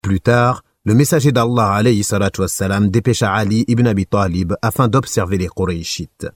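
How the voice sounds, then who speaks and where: A man reading a religious biography aloud as an audiobook narrator, measured and solemn. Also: on the low side, dry recording, studio quality.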